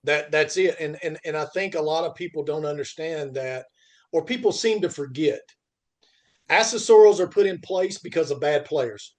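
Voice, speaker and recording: Speaking at normal speed in a slightly high, darkish voice, this middle-aged podcast host with a background in freight talks in a loose, rambling way, frequently returning to phrases he's already used.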